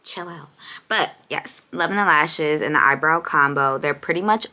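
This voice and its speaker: A hoarse young woman talks to her camera in a casual, slangy vlog, playful and sassy. Her voice sits low and gravelly with a bright, sharp edge, and she keeps clearing a raspy throat. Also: normal speed. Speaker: vlogger.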